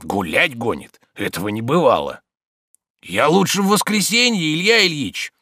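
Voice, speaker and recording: A man's voice: a little high, very animated, moderate pace, pushed and bright, no echo, clean studio sound, pitched above the performer's own voice, exaggerated voice. A man voicing a lazy, stubborn old manservant who grumbles and refuses. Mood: grumbling. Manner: sluggish, stubborn, muttering refusals.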